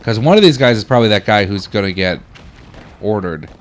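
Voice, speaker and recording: A man's voice: fairly low pitch, expressive, brisk, a little hiss or hum. A man joining casual gameplay banter with dry joking asides. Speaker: let's play co-commentator.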